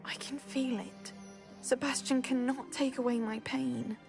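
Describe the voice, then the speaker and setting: A soft-spoken, weary young witch under a curse, raised pitch, faint music behind, for a game. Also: steady tone, unhurried. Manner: soft, weary, at times breathy. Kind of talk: video game dialogue.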